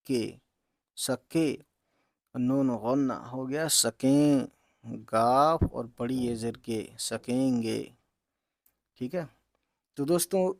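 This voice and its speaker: Man, reading-lesson teacher, very slow, spells letters and vowel marks one by one. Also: medium pitch, creaky, darkish tone, dry recording, clean studio sound. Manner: spells out letters and vowel marks slowly, says "theek hai" often.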